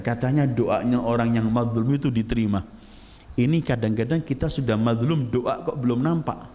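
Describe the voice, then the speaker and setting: A male Islamic preacher giving a Quranic exegesis sermon, swinging between high, emphatic exclamations and low, measured explanation, and reciting Arabic verses in a slow chant. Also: a little mellow. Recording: long hall reverb.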